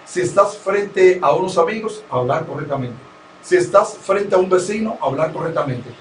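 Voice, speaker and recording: A man's voice: a little high, expressive, moderate pace, a little hiss or hum. Man, Dominican accent, broadcaster, lecturing and emphatic, echoey room. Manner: emphatic, lecturing, repeats key phrases. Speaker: radio broadcaster, interview guest. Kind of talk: conversational interview, instructive. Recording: roomy, distant mic.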